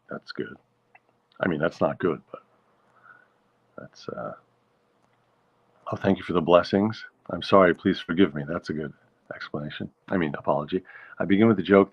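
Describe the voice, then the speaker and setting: With a low, slightly rough voice, a man hosts a laid-back stream where he reads comments from viewers and muses on them wryly. The recording sounds dull and lo-fi.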